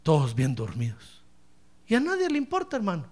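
A male pastor preaching a sermon, addressing the congregation directly and swinging from hushed asides to shouts. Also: fairly high pitch, huge pitch swings, fairly quick. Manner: acts out quoted voices and addresses congregation directly.

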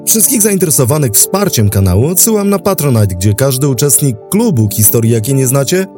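This is a male history podcast host delivering scripted documentary narration, paced and dramatic like a storyteller. His pitch sits in the medium range.

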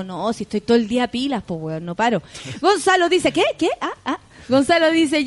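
A young woman with a Chilean accent hosting a casual chat, reading out viewer comments, laughing often and swearing in slang. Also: high voice. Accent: Chilean Spanish.

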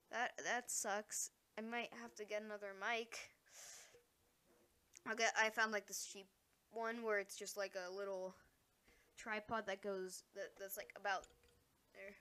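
A woman hosting a casual solo podcast, rambling and distracted, breaking into excited exclamations. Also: a little high. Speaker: podcast host.

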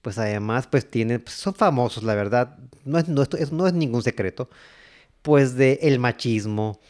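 A man with a Mexican accent giving casual, rambling commentary, halting and repeating words. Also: mid-range voice, a little mellow. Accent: Mexican Spanish. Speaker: host. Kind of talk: casual commentary on old cartoons.

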